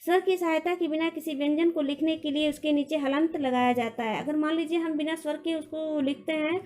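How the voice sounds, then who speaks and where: A woman's voice: high voice, steady tone, fairly quick, a little mellow. A woman teaching a Hindi grammar lesson to children, patiently repeating points and asking questions of the class.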